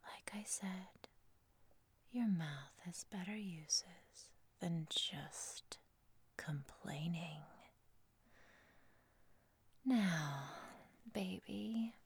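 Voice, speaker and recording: A woman playing an obsessive, controlling stalker in an audio roleplay, whispering breathily and giggling softly as she teases and threatens. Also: fairly low pitch, husky, full character voice. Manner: slow, teasing, softly threatening. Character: obsessive menacing female stalker, teasing and controlling.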